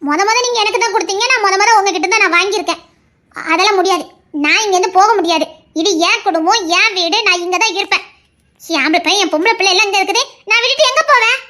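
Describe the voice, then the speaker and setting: In an audio drama, a woman plays a stubborn, loving young wife, speaking earnestly and insistently with a devoted, pleading mood. Her voice is extremely high, fast and sharp.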